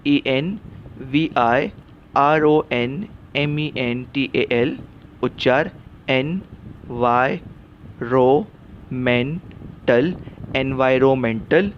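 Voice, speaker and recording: A man's voice: medium pitch, highs cut off, a little hiss or hum. A man teaching English phonics in a mix of Hindi and English, spelling words letter by letter with patient explanations. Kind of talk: spoken phonics lesson.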